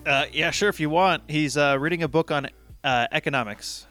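Relaxed man running a tabletop game. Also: fairly high pitch, a little fast, soft background music. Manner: relaxed, chatty narration with many fillers. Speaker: dungeon master.

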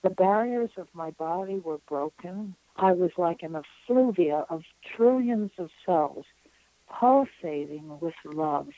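A woman in her nineties, a spiritual counselor being interviewed, telling an experience in an earnest, reflective way with frequent pauses. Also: lowish voice, animated, dark tone, no room sound, muffled recording. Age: 90s.

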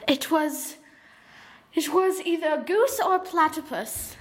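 A woman's voice: high voice, a little slow. A woman playing the guest in a silly mock interview, giving playful, mock-grand answers. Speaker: podcast co-host answering as the guest.

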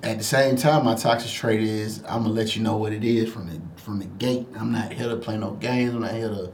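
A man's voice: fairly low pitch, fairly even intonation, a little fast. A man guesting on a podcast, talking in a blunt, laid-back way with lots of slang. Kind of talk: casual chat. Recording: echoey room with faint noise.

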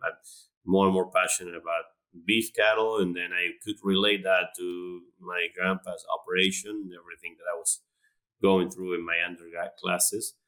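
A man from Argentina, a guest speaking in a relaxed interview, talking with frequent restarts and fillers. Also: low voice, low-quality recording. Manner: hesitant, many restarts and fillers. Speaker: animal science professor, guest. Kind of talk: conversational interview.

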